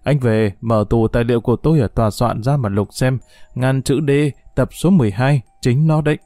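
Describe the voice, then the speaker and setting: A man voicing a sharp, intense young male detective who talks urgently and confidently. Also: mid-range voice, fairly quick, dry recording, studio quality, natural voice. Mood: scheming.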